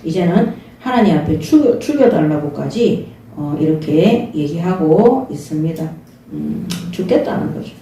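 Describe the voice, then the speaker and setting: A woman's voice: on the low side, lively intonation, unhurried, dark tone, slight background noise. A woman preaching a sermon and reading Bible verses, earnest, often calling the room to attention. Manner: earnest, repeats short calls for attention. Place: church sanctuary. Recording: very echoey, mic at a distance.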